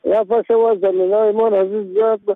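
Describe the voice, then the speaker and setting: A man's voice: sits high, level tone. A man from Badakhshan with an Afghan accent, calling a radio programme with a formal spoken petition. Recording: tinny narrow roomy phone line.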